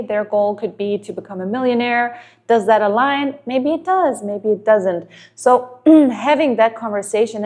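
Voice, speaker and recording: Speaking straight to camera, a native Danish woman in her thirties gives sincere advice about relationships, posing question after rhetorical question. Her voice is fairly high but darkish in tone.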